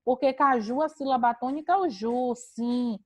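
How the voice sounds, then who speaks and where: A woman's voice: on the high side, moderate pace, darkish tone. A woman teacher giving an online class on a video call, explaining step by step with patient rhetorical questions.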